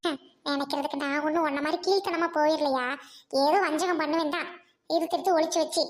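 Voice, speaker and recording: A woman's voice: sits high, fairly even intonation, quick pace, lightly acted. A woman playing a fierce village wife who scolds and accuses her scheming husband. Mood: angry. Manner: scolding, accusing, sharp retorts. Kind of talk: amateur family drama acting.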